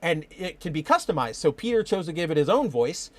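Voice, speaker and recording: A man's voice: fairly high pitch, very animated, fairly quick, dry recording. A young man hosting a casual live-streamed podcast, rambling and enthusiastic, full of fillers. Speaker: podcast host.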